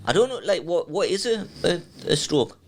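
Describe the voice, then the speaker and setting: A man's voice: high voice, big pitch swings, moderate pace. A man from Sunderland with a Sunderland accent, hosting a casual interview in a chatty, jokey way with frequent laughs. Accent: Sunderland English. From Sunderland, England. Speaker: podcast host.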